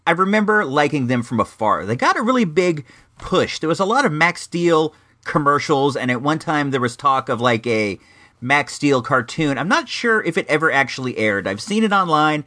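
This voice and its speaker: A man's voice: fairly high pitch, sing-song, moderate pace, sharp tone. A middle-aged man hosting a vintage toy show in a rambling, slangy, casual way with wry asides. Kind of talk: casual chatty retro toy review.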